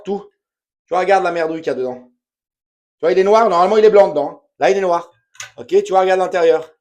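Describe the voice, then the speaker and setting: A DIY home repair vlogger demonstrates a fix in his own bathroom, talking casually to the viewer in a blunt, slangy, chatty way. His voice sits high and is a little mellow.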